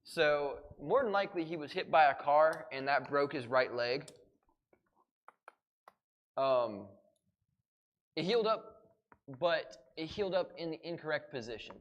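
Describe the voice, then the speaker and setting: A man's voice: fairly high pitch, a bit bright, muffled recording. A falconer gives a live talk to a family audience in a library room, asking the crowd question after question. His voice swings up and down a lot, and he keeps it playful. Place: indoor library event room.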